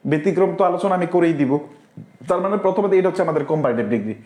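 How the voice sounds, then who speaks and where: A man teaching an English grammar class live, explaining each point slowly and stopping to ask the viewers whether they have understood. He reads out their comments and answers them. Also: fairly high pitch, a little mellow, roomy sound.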